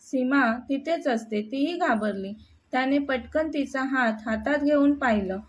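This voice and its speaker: A woman narrating a romantic story in a steady, plain reading voice. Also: high-pitched, measured pace.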